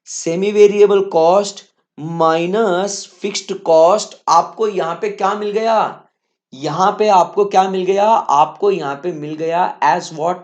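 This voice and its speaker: A man's voice: high voice, takes it slowly, highs cut off. A male teacher giving a lecture, bantering playfully with his students in slang and repeating his questions to the class.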